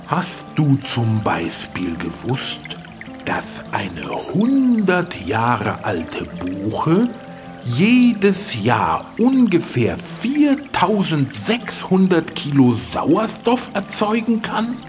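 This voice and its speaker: A man voicing an old, wise talking tree in a children's radio play, slow and chuckling. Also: on the high side, huge pitch swings, over music, full character voice. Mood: kindly, teaching.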